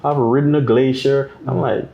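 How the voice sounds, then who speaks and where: Here a Jamaican man of medium pitch talks at a moderate pace with a creaky quality, and the audio sounds muffled. He's an animated storyteller guesting on a podcast, voicing the people in his tales.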